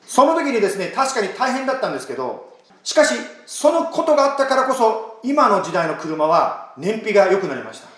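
A man, a pastor, giving an emphatic, animated sermon and leading a prayer. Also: sits high, fairly quick. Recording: echoey room.

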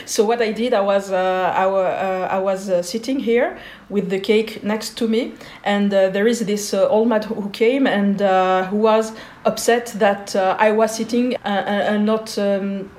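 A woman in her forties from Switzerland, a guest in an interview, speaking thoughtfully with many pauses and fillers. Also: medium pitch, steady tone, darkish tone, roomy sound.

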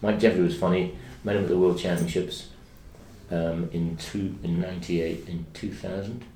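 Man in his 70s, English accent, deep mellow voice, anecdotal guest storyteller with a salty tongue, roomy distant-mic sound. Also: moderate pace. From England. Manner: lively anecdotal, acts out other people's quotes, salty language. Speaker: podcast guest, squash coach. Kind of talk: casual storytelling in conversation. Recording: roomy, distant mic, faint background noise.

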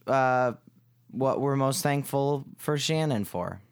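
Male podcast co-host, dry teasing banter, very clear smooth voice, unhurried pace. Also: mid-range voice. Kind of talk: casual comedic chat.

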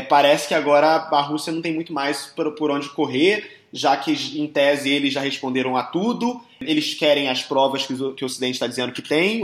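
A man giving conversational analysis as a commentator, talking hesitantly with many filler pauses. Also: fairly high pitch, fairly bright tone, reverberant.

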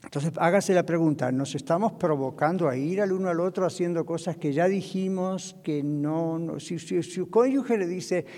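High-voiced pastor preaching in a hall. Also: male voice, normal speed, few pauses, dark tone. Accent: Latin American Spanish. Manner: conversational preaching with asides to the congregation. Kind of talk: sermon on marriage. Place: church hall.

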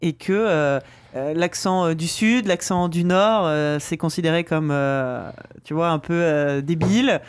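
A man in casual chat, opinionated and animated, who swears now and then. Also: a little high, a little slow, smooth.

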